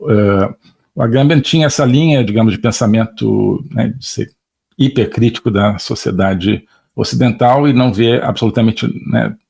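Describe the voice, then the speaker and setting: Gravelly low-voiced Brazilian man lecturing. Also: moderate pace, darkish tone. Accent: Brazilian Portuguese. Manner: hesitant, frequent fillers and tag questions. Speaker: political lecturer. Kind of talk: online political lecture.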